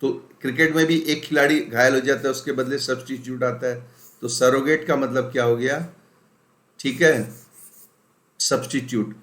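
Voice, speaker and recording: A man's voice: medium pitch, fairly bright tone. A man from India teaching an exam-prep vocabulary lesson. He speaks with emphasis, repeats words to drill them and mixes in English phrases. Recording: roomy echo.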